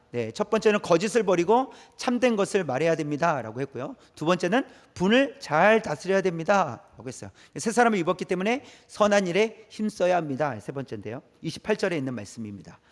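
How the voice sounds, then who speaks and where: A man's voice: sits high, big pitch swings, brisk, hardly any pauses. A man preaching a Wednesday evening sermon as pastor, reading scripture aloud and acting out the voices he quotes. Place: church sanctuary. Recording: reverberant church hall.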